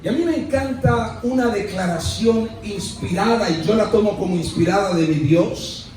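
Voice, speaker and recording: A male pastor telling a fable in a sermon, measured and deliberate. His voice sits high for a man but sounds mellow and dark. The mic is far off in a reverberant church with faint room noise. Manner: deliberate, storytelling. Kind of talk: storytelling sermon. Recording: echoey church hall, distant mic.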